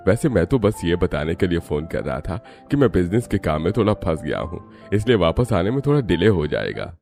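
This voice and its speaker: A man voicing a busy husband in an animated cartoon, speaking casually with light teasing. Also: deep voice, fairly quick, gravelly, soft background music, heavily acted. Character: busy husband on a business trip.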